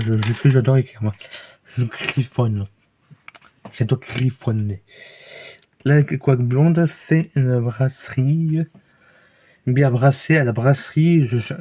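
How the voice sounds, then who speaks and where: A man with a Belgian French accent reviews beers in a room at home, his mid-range voice dark in tone. He rambles casually, full of fillers, false starts and hesitations.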